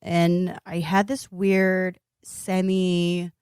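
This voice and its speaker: A woman's voice: lowish voice, flat delivery, very slow, a little mellow, clean tone, dry recording. A woman from Indiana telling a candid, profane story as a podcast guest, laughing as she goes. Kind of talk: casual podcast chat.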